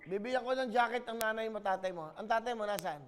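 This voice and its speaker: A male game show host speaks in a striking high register. He chats with a caller in a playful, teasing manner, firing off quick questions from the studio. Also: in a large hall. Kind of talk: teasing phone chat with a caller.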